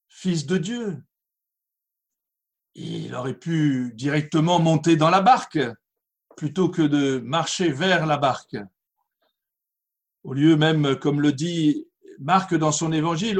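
Slow, husky-voiced male preacher. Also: fairly high pitch. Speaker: pastor. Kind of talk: sermon with Bible reading.

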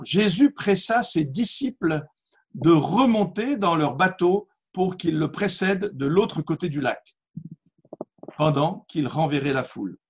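A male pastor delivering a sermon at an unhurried pace, lingering on key words. His voice sits a little high for a man and has a husky, breathy edge. He reads scripture and comments on it in a measured, emphatic way. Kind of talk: sermon with Bible reading.

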